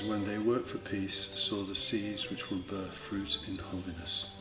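Speaking in a fairly low, bright and forceful voice, a British man delivers a partly scripted, informal homily full of reflection and conversational asides. He is a deacon and hosts a homily podcast, and the recording carries faint background noise.

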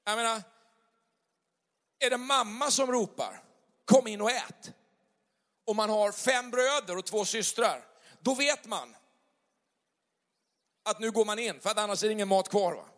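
A man's voice: high voice, pauses often, fairly bright tone. A man preaching a conversational sermon, chatty and full of acted-out little dialogues. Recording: long hall reverb.

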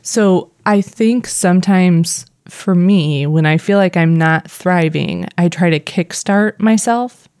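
Low-voiced Missouri woman in casual podcast chat. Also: takes it slowly, darkish tone, no echo, clean studio sound. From Missouri, United States. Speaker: podcast co-host. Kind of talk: casual unscripted co-host chat.

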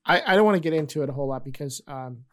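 A man's voice: a little high, lively intonation, very fast. A man hosting a podcast, explaining things in a casual conversational way. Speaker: podcast host.

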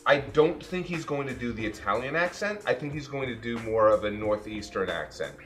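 A man's voice: medium pitch, animated, brisk, faint music behind. A man co-hosting a podcast in casual chat, opinionated and emphatic, often restarting his sentences. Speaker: podcast co-host.

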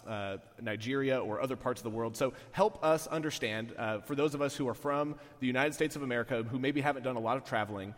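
A man's voice: mid-range voice, quick pace, few pauses. A man preaching a sermon as the pastor, conversational and full of "uh"s, interviewing a church member. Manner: conversational, hesitant with many fillers. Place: church sanctuary. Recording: church hall reverb.

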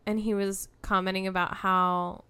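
A woman with a smooth, clear voice at a middle pitch talks casually as a podcast co-host. She sometimes feels her way toward a word with small fillers. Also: level tone, moderate pace, pushed and bright. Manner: searches for words with fillers. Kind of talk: casual film discussion.

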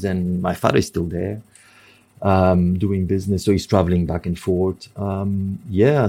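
A man's voice: deep voice, dark tone. A man in his thirties from Congo, talking as a guest in a casual interview, rambling with many fillers and restarts.

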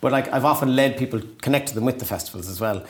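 A man's voice: medium pitch, fast. A man in his forties with a west of Ireland accent, chatting casually and self-deprecatingly as an interview guest. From County Galway, Ireland. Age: 40s. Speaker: podcast guest.

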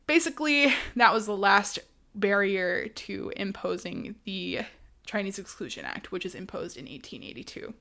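A woman co-hosting a casual podcast, telling history quickly and animatedly with asides and laughs. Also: medium pitch, lively intonation, creaky, pushed and bright. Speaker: podcast co-host.

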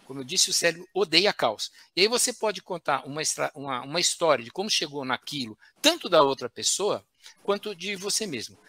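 A man speaks as an expert guest on a talk show, teaching in a didactic way and ending phrases with quick tag questions. His voice is bright and lively, moving a lot in pitch. The sound is dry and close. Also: no room sound. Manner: didactic, with frequent "né?" tags and restarts. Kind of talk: explanatory talk show chat.

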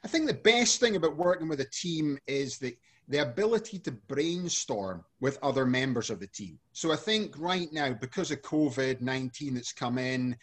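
A man's voice: medium pitch, animated, moderate pace, hardly any pauses. A man from Scotland, a guest on a podcast, answering questions in a loose, chatty way with lots of fillers. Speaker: podcast guest, energy company CEO. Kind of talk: casual interview answers.

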